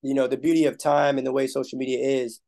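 A man in his thirties hosts a podcast interview over a video call. His voice has a gravelly rasp, and he talks in an easy, affirming, conversational way. His pitch sits in the ordinary middle range. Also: little pitch movement, quick pace, mellow. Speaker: podcast host. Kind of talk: casual interview chat.

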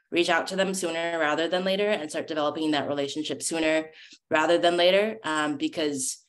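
Young woman w a really low voice, kinda hesitant, talking on a video call. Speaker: grassroots organizer. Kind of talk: panel discussion.

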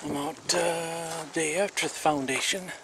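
A middle-aged man casually narrating a walkthrough of a building site outdoors, filming on a handheld camera and pausing often with fillers. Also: on the high side, fairly even intonation, noisy background. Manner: rambling, plain-spoken, pauses with fillers while filming. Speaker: vlogger documenting a house build. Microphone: handheld camera mic while walking.

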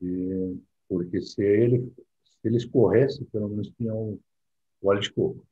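A man from Brazil co-hosting a talk, speaking in a relaxed, agreeing way. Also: on the low side, normal speed, husky. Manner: relaxed, agreeing, explains with assim and né. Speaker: co-host. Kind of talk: casual discussion. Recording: dull lo-fi audio.

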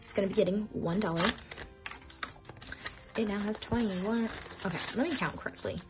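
A woman's voice: medium pitch, normal speed. A woman in her twenties chatting casually as she counts bills aloud and stuffs budget envelopes, getting flustered now and then. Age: 20s. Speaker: budgeting vlogger. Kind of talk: casual cash-stuffing vlog. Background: background music.

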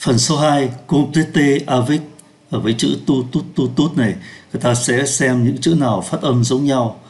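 A man teaching French pronunciation in Vietnamese, slowing down to sound out French words. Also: medium pitch, a little mellow. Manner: slows down to pronounce French words. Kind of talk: lesson explaining pronunciation.

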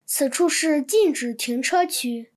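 A woman reading translated textbook sentences in an even, clear manner. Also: high voice, measured pace. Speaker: Chinese translation reader.

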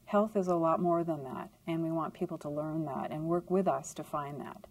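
A woman's voice: low voice, steady tone, normal speed, music in the background. A woman in her fifties, a clinic doctor, speaking earnestly in a documentary interview in her office. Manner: earnest, reflective.

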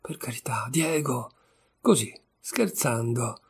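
An anxious mother begs and pleads in a timid, imploring way, voiced by a man reading the story. The voice sits a little higher, with a gravelly, husky edge. Audiobook storytelling. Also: very animated, measured pace, darkish tone, exaggerated voice.

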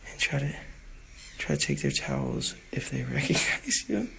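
A young man live-streaming pranks from a hotel hallway on his phone, often dropping to a hushed, sneaky whisper. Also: mid-range voice, huge pitch swings, moderate pace, creaky, noisy background. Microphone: phone held in hand.

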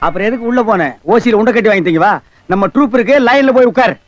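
An actor playing a sharp-tongued man who mocks and insults the beggars around him in a film comedy scene. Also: very high-pitched, lively intonation, racing, no echo, muffled recording. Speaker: comic lead in a film scene.

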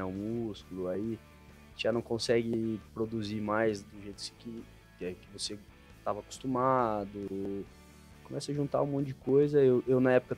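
A Brazilian man in his thirties, a retired footballer appearing as a podcast guest, reflects on his career in a casual interview, telling stories in a relaxed, thoughtful way with lots of fillers. His voice sits on the low side and is captured by a desk mic on a stand in a podcast studio with shirts on the wall.

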